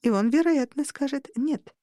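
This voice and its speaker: Female audiobook narrator, mid pitch, dead-dry booth sound. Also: normal speed, dark tone, dry recording. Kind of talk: first-person audiobook narration.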